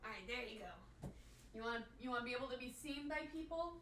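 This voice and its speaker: A woman's voice: a little high, animated, quick pace, fairly bright tone, slight background noise. A young woman chatting casually on a live stream from her room at home, rambling and cooing baby-talk at her dog. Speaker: livestreamer.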